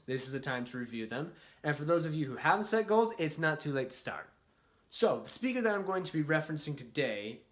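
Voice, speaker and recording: Upbeat young-sounding man, fairly high voice. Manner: upbeat and chatty, with jokey asides. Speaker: YouTube host. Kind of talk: casual motivational talk at a whiteboard.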